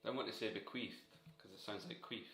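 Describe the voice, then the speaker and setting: A man co-hosting a casual quiz, reading questions and tossing in quick jokey asides. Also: on the low side, a bit bright, slight background noise. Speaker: quiz co-host. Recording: roomy echo.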